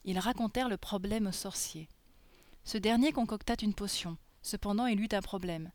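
Brief: woman storyteller, gentle read-aloud, mid pitch, dry close sound. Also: normal speed, dry recording. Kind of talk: reading a fairy tale aloud.

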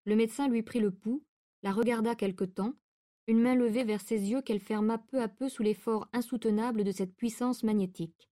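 Mellow-voiced woman reading a story. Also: fairly high pitch, fairly even intonation, normal speed. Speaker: audiobook reader. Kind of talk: literary narration.

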